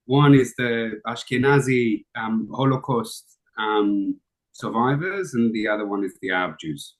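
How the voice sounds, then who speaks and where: A man's voice: mid-range voice, measured pace, poor audio. Man from israel, middle-aged, laid-back, lots of ums, video call guest. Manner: relaxed, hesitant with frequent fillers. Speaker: interview guest. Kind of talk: casual conversation.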